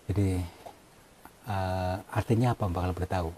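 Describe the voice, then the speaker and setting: A man exploring a cave, talking in a hushed, hesitant and apologetic way with many fillers. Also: low voice, fairly even intonation, a little fast, slight background noise. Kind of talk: hushed polite on-location talk.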